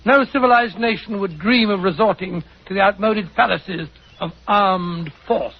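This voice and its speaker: An actor playing a genial elderly English doctor, courteous and chatty in old-fashioned 1940s radio style. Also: male voice, high voice, normal speed. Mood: chatty, blustering. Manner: chuckling, courteous, old-fashioned gentlemanly bluster. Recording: dull, muffled 1940s radio recording.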